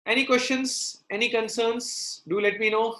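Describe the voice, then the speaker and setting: A man's voice: very high-pitched, steady tone, normal speed, bright, forceful tone. A man teaching a live online maths lesson, explaining step by step and checking in with questions. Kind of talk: live online lesson, working through problems aloud. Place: indoor room, live online class.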